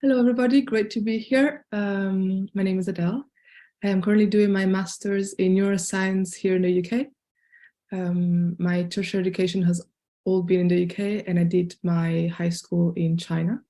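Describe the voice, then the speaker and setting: A woman's voice: medium pitch, level tone, moderate pace, dark tone. A young woman, a neuroscience student, introducing herself on a video call panel in a friendly, matter-of-fact way. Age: young adult. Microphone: laptop webcam video call.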